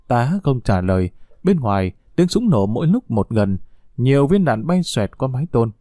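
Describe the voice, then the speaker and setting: A man reading a war novel aloud as an audiobook narrator, with expressive, dramatic delivery. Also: mid-range voice, no echo, clean studio sound.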